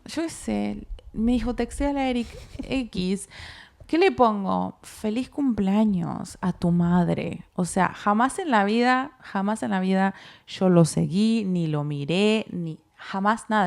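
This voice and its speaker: A Uruguayan woman co-hosts a casual chat and tells her testimony with lively energy, voicing her own thoughts as she goes. Her voice has a gravelly fry running through it at a middling pitch. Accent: Uruguayan Spanish. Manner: animated, acts out her own inner dialogue. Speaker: co-host.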